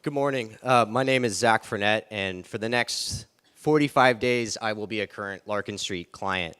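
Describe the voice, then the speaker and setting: Earnest young man, lowish voice. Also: normal speed, a bit bright, clean tone. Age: young adult. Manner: earnest, builds phrases in a series. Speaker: youth speaker at a press event. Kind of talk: public speech.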